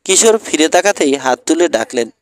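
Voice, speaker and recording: A man's voice: a little high, expressive, a little fast, no room sound. Man narrating an audiobook, dry close mic. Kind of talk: scripted narration.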